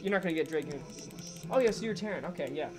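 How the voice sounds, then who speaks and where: A young man co-hosting a gaming channel, giving chatty, excitable commentary while a friend plays. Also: fairly high pitch, rapid-fire. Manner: chatty, excitable, cheering on a player. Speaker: gaming channel co-host and caster. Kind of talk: casual live-stream game commentary. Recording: game music playing behind.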